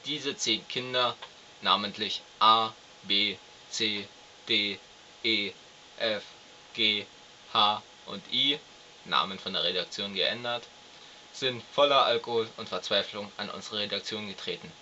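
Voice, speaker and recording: Male satirical magazine presenter, deadpan and mock-serious, bright delivery, slightly dull recording. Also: on the low side, measured pace, slight background noise. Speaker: host of a satirical magazine show. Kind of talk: mock news presenting, scripted narration.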